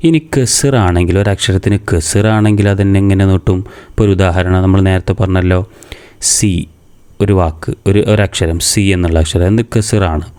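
A man from Kerala teaching a reading lesson step by step, patiently asking questions and answering them himself, saying each sound slowly and repeating it. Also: deep voice, a little mellow, smooth. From Kerala, India. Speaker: madrasa teacher.

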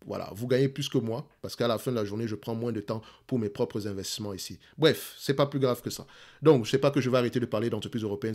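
A man's voice: lowish voice, darkish tone. A man with a Cameroonian French accent talking casually to his viewers, with a slight stutter and many repeated words. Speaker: investing YouTuber.

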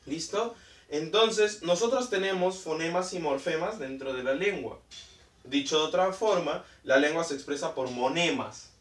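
A man from Peru teaching a language lesson, often checking in with "¿bien?" and stretching key words out slowly. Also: on the high side, a bit bright, far from the mic. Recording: echoey room, voice off-mic.

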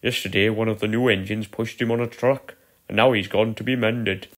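A man's voice: lowish voice, steady tone, a little fast, natural voice. A man voicing a lonely, earnest old male narrow-gauge engine in a storybook reading, telling his stories in a chatty, proud way. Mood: wistful. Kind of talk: storybook character voice.

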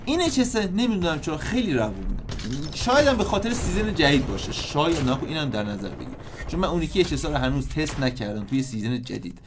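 Animated young-sounding male game commentator. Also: fairly high pitch, noisy background. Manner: animated, excitable, restarts and repeats often. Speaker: gaming YouTuber. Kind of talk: casual gameplay commentary.

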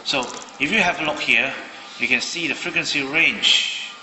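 Sitting at a desk indoors, a Malaysian man casually tries out a radio for review, musing aloud and using lots of fillers. His voice is on the high side and moves at normal speed, while the recording has a long reverb tail and background noise.

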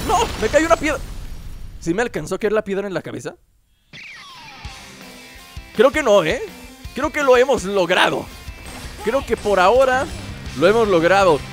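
Young male let's-player; high voice, playful slangy commentary over faint game music. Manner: playful, mock-dramatic, slangy asides. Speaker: gameplay commentator. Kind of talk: joking let's-play commentary.

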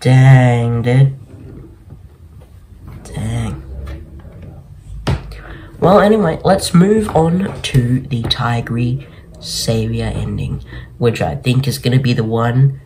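A young male gaming host talks casually and slangily in a small indoor bedroom, doing gameplay commentary and reading cutscene dialogue aloud over game music. His mid-range voice is mellow and laid-back, moving slowly with long pauses, and there's a little hiss or hum.

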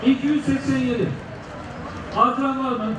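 Guy auctioneer calling out bids, really high voice, echoey noisy room far from mic. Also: steady tone, normal speed. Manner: auctioneer's repetitive calling of figures and last chances. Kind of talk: live auction bid calling.

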